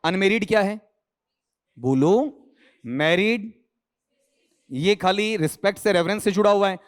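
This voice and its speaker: A man teaching an online exam-prep English lesson, quizzing students on pronunciation, answering his own questions and joking with them. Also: high voice. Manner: teasing, joking asides.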